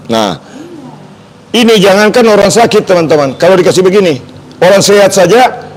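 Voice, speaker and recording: Speaking in a high voice with an Indonesian accent, a man demonstrates reflexology massage on a live stream, joking and chatting as he repeats each instruction. The audio quality is poor.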